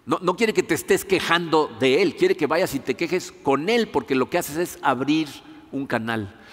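A man delivering a sermon in a fairly high voice, talking to his listeners conversationally and tossing them rhetorical questions. His voice rings out with a long reverb, as if heard in a large hall. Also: normal speed, fairly bright tone. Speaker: pastor.

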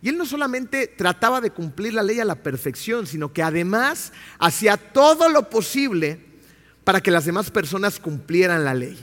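A man preaching a sermon in a church, emphatic and animated, often putting questions to the congregation. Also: high-pitched, normal speed. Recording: long reverb of a church hall.

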